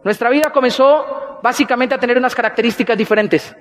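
High-voiced man in echoing hall. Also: fast. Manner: animated storyteller, bursts into shouting. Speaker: business speaker. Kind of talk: motivational stage talk.

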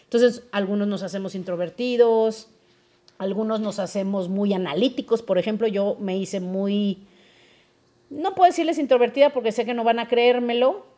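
A woman's voice: medium pitch, moderate pace. A young woman with a Mexican accent, hosting a podcast in a casual, explaining way and often checking in with her listeners. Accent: Mexican Spanish. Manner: lively, asks listeners questions often. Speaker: podcast host.

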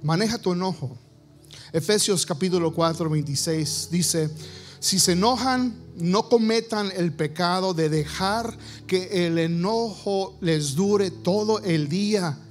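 A man's voice: sits high, a little slow, soft background music. A male pastor preaching a sermon on marriage, playfully acting out quoted husbands and wives. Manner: playful, acts out quoted spouses.

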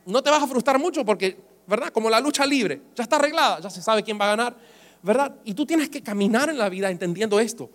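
A man with a high voice preaches to his congregation, calling on them to repeat lines and raise their hands. He slips English phrases into his sermon. The sound rings with the long reverb of a church hall. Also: animated, quick pace. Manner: preaching with call-and-response to the congregation; switches between Spanish and English phrases. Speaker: pastor. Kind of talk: bilingual sermon.

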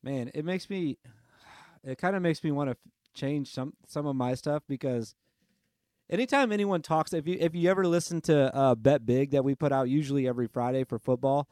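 A man's voice: mid-range voice, darkish tone, no room sound, studio quality. A man hosting a sports podcast in casual, chatty talk, self-deprecating and easygoing. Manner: chatty, self-deprecating, quick to change his mind. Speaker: podcast host.

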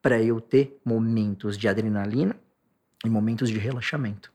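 A man with a Brazilian Portuguese accent, a guest explaining stress and anxiety. He acts out angry outbursts in sharp bursts, then drops to a soft, low tone for the calm points. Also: moderate pace.

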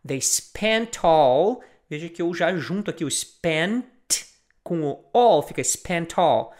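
A man teaching a video lesson, repeating example phrases slowly and deliberately. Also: fairly high pitch. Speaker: language teacher.

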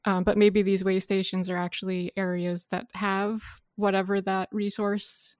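Woman, casual brainstorming, hesitant, mid-pitched voice, dry sound. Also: little pitch movement, moderate pace, a little mellow, dry recording. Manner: hesitant, many fillers, laughs often. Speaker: worldbuilding collaborator.

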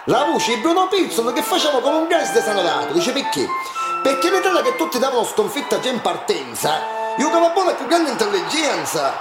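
High, animated Sicilian-dialect comic storyteller, a man. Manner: Sicilian dialect, theatrical delivery. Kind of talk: comic rhymed storytelling performance. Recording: roomy recording with music.

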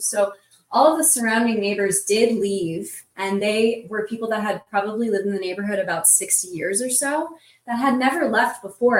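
Woman guest, mid-pitched, vivid breathless storyteller, recorded off the mic. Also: recorded from a distance. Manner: vivid, breathless retelling with many "like" fillers. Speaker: roundtable guest. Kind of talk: casual storytelling. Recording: roomy sound from off the mic.

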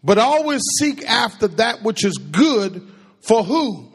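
Here a pastor, a man whose husky voice he himself calls baritone, preaches in a sanctuary. His call-and-response sermon moves slowly but with plenty of animation, built on questions put to the congregation and then answered, with long hall reverb on the recording.

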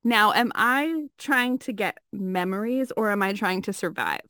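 A woman's voice: medium pitch, animated, unhurried, bright, forceful tone, no echo. A young woman podcast guest chatting casually in a loose, rambling way. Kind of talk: casual chat.

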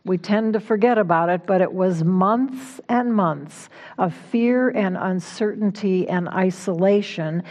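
A woman minister delivering a conversational sermon in a reflective, informal way, gently guiding her listeners. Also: mid-range voice, unhurried, hardly any pauses. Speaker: minister giving a talk. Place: church sanctuary.

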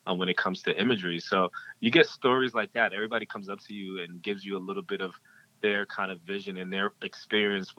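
A man with a low voice and a bright, forceful edge talks through his ideas as a podcast guest. He circles back, restarts, and fills pauses with "um" and "like." The recording sounds a little dull. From Ghanaian-American. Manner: reflective, with many fillers and restarts. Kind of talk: casual interview talk.

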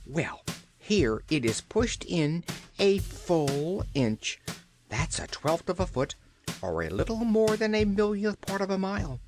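A woman's voice: on the low side, sing-song, unhurried, over music, voice pushed up. A woman voicing a gloomy, fussy little man who wails and complains about everything. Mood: fretful. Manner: wailing, complaining.

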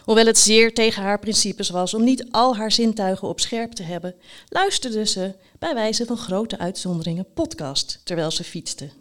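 Woman reading a playful storybook. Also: mid-range voice. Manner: lively, playful reading with dramatic pauses. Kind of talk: expressive storybook narration.

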